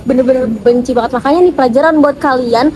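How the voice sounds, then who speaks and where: Young woman, high voice, chatty and emphatic, casual vlog talk, noisy roadside. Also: fast. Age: young adult. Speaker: vlogger. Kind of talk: casual chat. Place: outdoor roadside eatery. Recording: clear traffic noise from roadside. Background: street ambience and passing vehicles.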